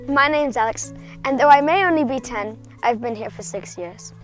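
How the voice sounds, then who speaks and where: Young student guide, high voice, cheerful scripted lines, faint music. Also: female voice, moderate pace. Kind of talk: scripted school tour.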